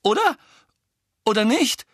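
A man doing a loud, indignant teenage boy whose voice jumps high when he protests. The delivery is lively and bright, a storybook character. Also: slow, dry recording, clean studio sound, exaggerated voice. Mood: unsure. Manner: protesting, unsure at the end.

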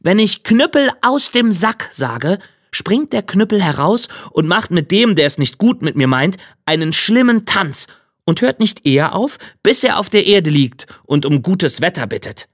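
In a fairy tale, a man performs a proud, bold young male turner journeyman, a full character voice pitched above his own. The voice is high, very animated and unhurried, bright, eager and boastful, recorded with clean studio sound and no echo.

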